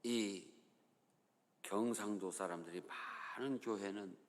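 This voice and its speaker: A man's voice: fairly low pitch, slow, long reverb tail. A male pastor with a Chungcheong accent, preaching a sermon in a folksy, storytelling way in a church. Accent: Chungcheong Korean. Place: church sanctuary.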